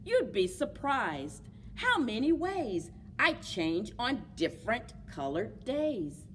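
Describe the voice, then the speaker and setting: A middle-aged woman hosting a children's story time in an animated, encouraging way, as if leading little listeners along. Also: fairly high pitch, slow. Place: indoors among library bookshelves. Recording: clear background noise, room ambience.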